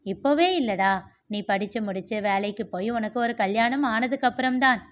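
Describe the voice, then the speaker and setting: A woman reading the part of a gentle, reflective young man in a storybook, talking softly and confidingly. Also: on the high side, normal speed, lightly acted. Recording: muffled lo-fi recording.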